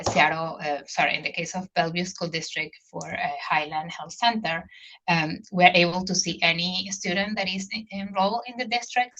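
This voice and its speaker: A woman's voice: on the low side, a bit bright, low-quality recording. Venezuelan-accented woman presenting on a webinar. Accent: Venezuelan Spanish. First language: Spanish. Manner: hesitant, frequent fillers. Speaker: clinic care coordinator. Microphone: video call.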